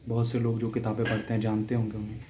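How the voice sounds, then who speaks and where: A man's voice: on the low side, monotone, rapid-fire, background noise. A young man from Haryana, India, recalling in a casual, reflective way how a writer shaped his life, with small laughs and restarts. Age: young adult. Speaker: guest reader sharing a personal story. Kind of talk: casual personal storytelling.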